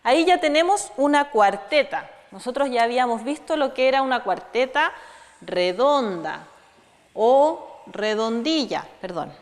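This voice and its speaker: A woman's voice: a little high, long reverb tail. A woman with a Chilean accent teaching children about folk verse in an online lesson, asking them questions as she explains. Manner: didactic, asks pupils questions.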